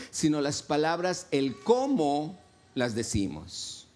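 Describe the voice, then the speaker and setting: Male pastor, sermon, slightly high voice, unhurried. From Mexico. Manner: slow, lively preaching with questions to the congregation. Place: church.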